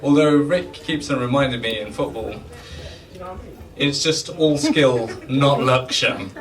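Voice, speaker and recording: A man's voice: medium pitch, takes it slowly, soft background music. A man delivering an informal best man toast to guests at a wedding reception. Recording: distant mic, clear background noise.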